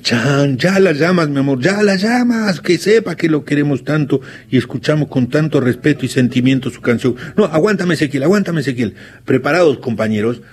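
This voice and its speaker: A man's voice: on the high side, breathy edge. A man with an Argentine accent hosting a radio show in a playful, theatrical way, sometimes reading song lyrics with feeling. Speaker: radio host. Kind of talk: lively radio show talk.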